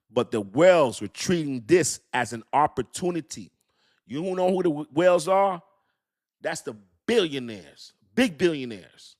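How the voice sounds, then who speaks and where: A man with a slightly high voice hosts a crypto livestream, talking straight to chat. He's hyped, slangy and repetitive, keeping the casual talk excited.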